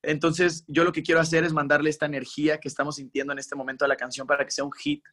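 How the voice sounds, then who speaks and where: A young man with a Mexican accent chats as a guest in an interview. He talks in an animated, slangy way, acts out his own reactions, and sits a little higher than most men. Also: fast. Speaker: musician guest. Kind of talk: casual interview chat.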